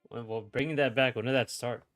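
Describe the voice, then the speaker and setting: A man's voice: mid-range voice, steady tone, brisk, fairly bright tone, faint music behind. A man in his thirties, hiccuping through a casual livestream chat, reading chat aloud with wry, blunt remarks. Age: 30s.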